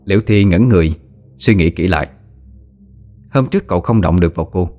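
Low-voiced man narrating a ghost story. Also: darkish tone.

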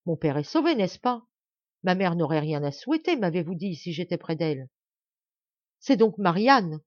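A woman reading an audiobook, voicing a desperate young man in his grief with loud, anguished outbursts. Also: lowish voice, sing-song, normal speed, dry recording, highs cut off.

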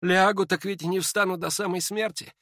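A man reading an audiobook and voicing a dying young man who speaks quietly and hoarsely, short of breath, calm and ironic. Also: high voice, normal speed, no echo, clean studio sound, voice pushed up. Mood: quiet weary. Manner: quiet, hoarse, near-whispering.

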